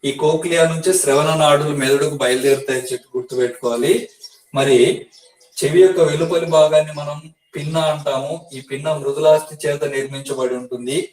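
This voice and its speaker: A man's voice: a little high, steady tone, normal speed, darkish tone. A male teacher giving an exam-prep science lesson, explaining step by step and repeating key facts for students to memorize. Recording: echoey room, voice from a distance.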